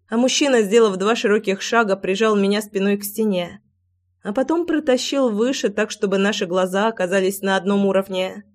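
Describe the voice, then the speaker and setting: A woman narrating a first-person audiobook with an expressive, dramatic reading. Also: mid-range voice.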